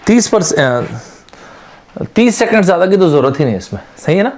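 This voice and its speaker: High-voiced chatty male teacher. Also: very animated, moderate pace, darkish tone. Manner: chatty, addresses students as friends, mixes English terms into Hindi. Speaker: aptitude teacher. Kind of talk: online exam-prep lecture.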